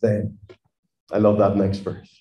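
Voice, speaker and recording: A man's voice: lowish voice, completely flat delivery, takes it slowly, reverberant, muffled recording. A man preaching a sermon in an impassioned, emphatic manner.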